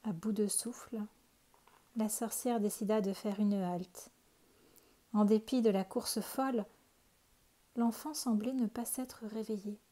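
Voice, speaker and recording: Woman, storyteller, picture book read aloud, unhurried, dark mellow tone. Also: mid-range voice, slightly rough.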